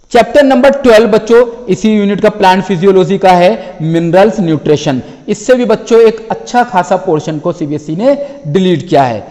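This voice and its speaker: A man with a high voice teaches a syllabus lesson, calling his students children and repeating phrases as he goes. He reads English topic names slowly from a list. His voice trails off in a long reverberant hall. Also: dark tone.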